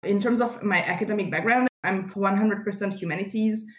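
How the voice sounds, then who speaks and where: A woman in her thirties from Hungary, a guest explaining at length in a relaxed, chatty way over a video call. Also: medium pitch, fairly quick, roomy sound. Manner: chatty, laughs easily, thoughtful explanations. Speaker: guest, community founder.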